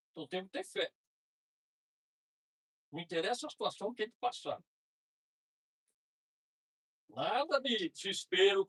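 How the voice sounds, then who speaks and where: A middle-aged Brazilian man lecturing at a spiritist center in a conversational way, slowing down to read prayers aloud. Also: high voice, fairly bright tone, husky, low-quality recording. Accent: Brazilian Portuguese. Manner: conversational, frequent tag questions, slows to read prayers. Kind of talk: informal spiritist talk.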